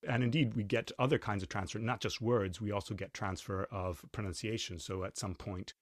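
A man from Chile, a linguist, answering interview questions in a measured, academic way. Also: on the low side, fairly even intonation, no echo, clean studio sound.

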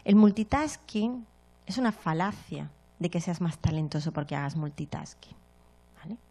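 A woman's voice: fairly low pitch, normal speed. A woman from giving a motivational talk to an audience, telling stories and often checking in with short tag questions. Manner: storytelling, frequent tag questions, lively acted-out moments.

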